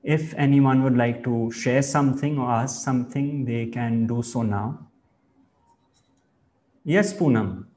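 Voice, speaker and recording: A man giving a reflective spiritual talk as a teacher, speaking in a measured, thoughtful way. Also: medium pitch, darkish tone.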